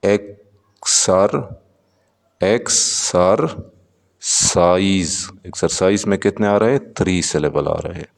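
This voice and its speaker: A man's voice: low voice, vocal fry, darkish tone, big-room sound. A man teaching an English lesson, going word by word, repeating terms and asking his students questions. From Pakistan. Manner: slow, repeats words and asks students questions. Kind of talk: classroom lesson explaining vocabulary.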